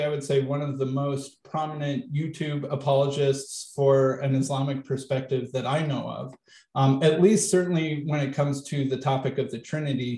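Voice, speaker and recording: Male YouTube host, flat casual delivery, echoey room. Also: medium pitch. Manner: casual, filler-heavy questions. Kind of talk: interviewing a guest on a video call. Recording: roomy echo.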